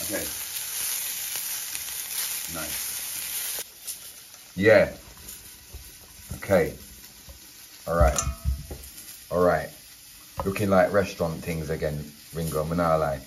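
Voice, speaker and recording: A man's voice: a bass voice, steady tone, slow pace, long pauses. A man chatting and joking as a guest in a home kitchen while food is cooked and tasted. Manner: playful, joking, lots of laughter. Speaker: guest cook. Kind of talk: casual chat while cooking. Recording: mic far off, loud frying noise.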